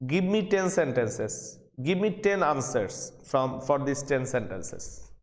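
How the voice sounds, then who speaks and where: Teaching English grammar live, a Bangladeshi-accented lecturer speaks slowly in a medium-pitched, sing-song voice. He talks to his students, repeats phrases and questions, and calls out names, all in a very echoey room with long reverb.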